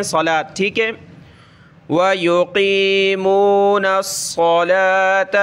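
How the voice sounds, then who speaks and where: A Quran reading teacher with a high, smooth, resonant voice. He speaks in quick bursts of explanation, often asks and answers his own questions, and then recites each word very slowly and repeats it. His delivery stays on an even, level tone. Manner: rapid explanations alternating with slow drawn-out recitation of words.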